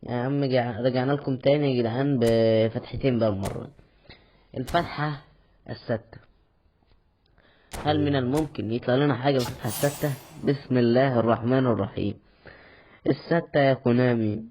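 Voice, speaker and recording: Egyptian guy narrating pack openings, quick and chatty, kinda dark mellow tone, faint hiss behind. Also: mid-range voice. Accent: Egyptian Arabic. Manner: chatty, mock-exasperated pleading with the game. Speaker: gaming YouTuber. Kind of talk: casual pack-opening commentary.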